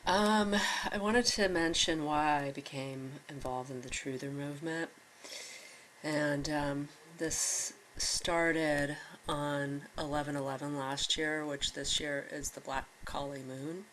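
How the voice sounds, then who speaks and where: A congested woman with a raspy voice recounts her experiences in a hesitant monologue full of pauses and fillers. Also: low-pitched, fairly even intonation, a bit bright, slight background noise. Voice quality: raspier than usual. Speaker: vlogger recounting personal experiences. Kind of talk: halting personal monologue.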